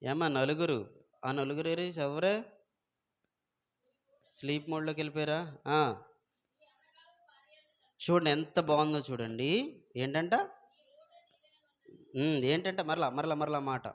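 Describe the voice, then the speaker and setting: A man preaching a Sunday sermon as pastor, quizzing the congregation and swinging between loud exclamations and soft asides. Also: fairly high pitch, slow, pauses often.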